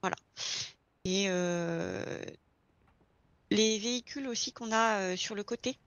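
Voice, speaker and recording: Speaking slowly in a slightly bright, mid-range voice, a woman explains each step to a newcomer while roleplaying a seasoned garage worker online. The chat is informal and relaxed. The lo-fi audio has no echo.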